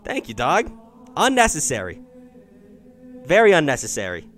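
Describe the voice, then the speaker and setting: A man's voice: a little high, normal speed, soft background music. A young man hosting a live stream, chatting casually with his audience and callers, swearing and joking as he reacts. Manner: animated, swears, jokes with chat, reacts loudly. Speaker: streamer taking calls.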